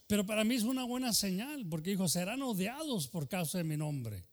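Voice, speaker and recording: Fervent high-voiced bilingual pastor. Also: male voice, very animated, a little fast. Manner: switches between Spanish and English mid-sentence; fervent preaching punctuated by "aleluya" and "hermano". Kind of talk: sermon.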